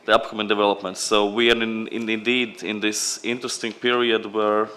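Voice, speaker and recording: Guy presenting at a conference, kinda low voice, loose and unscripted. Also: flat delivery, brisk, sharp tone. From Latvia. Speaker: program representative at a conference.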